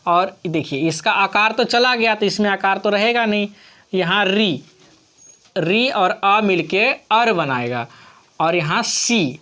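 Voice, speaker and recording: A woman's voice: mid-range voice, fairly bright tone. A woman teacher explaining grammar rules on screen, patiently asking questions and answering them herself. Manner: slow, patient, asks and answers her own questions.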